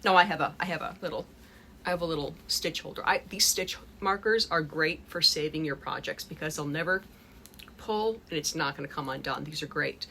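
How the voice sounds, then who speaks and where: Chatty woman vlogger, bright tone. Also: deep voice, fairly quick, slight background noise. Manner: chatty, rambling, with many fillers and restarts. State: a little out of breath. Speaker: crochet vlogger. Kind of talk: casual chat to camera. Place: home in Japan.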